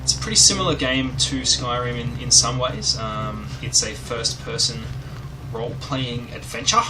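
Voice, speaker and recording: A man's voice: medium pitch, normal speed. A man hosting a retro game show with casual, irreverent, joking commentary. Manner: wry, irreverent. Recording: slightly distant mic, music behind.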